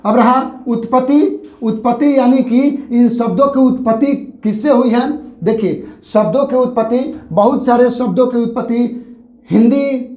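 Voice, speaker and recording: A male teacher giving a grammar lesson at a board, explaining slowly and repeating each point with a check-in. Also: very high-pitched, mellow. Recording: echoey room.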